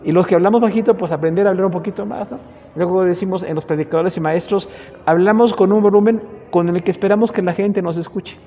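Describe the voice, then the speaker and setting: A man's voice: high-pitched, fast talker, a little hiss or hum. A male Bible teacher with a Mexican Spanish accent, giving a conversational church-class lecture and often tagging sentences with rhetorical questions. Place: church hall. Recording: dull lo-fi recording with long hall reverb.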